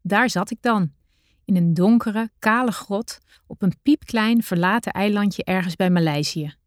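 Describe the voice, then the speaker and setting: A woman narrating her own adventure story in the first person, with a measured, deliberate reading style. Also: mid-range voice, no room sound, studio quality.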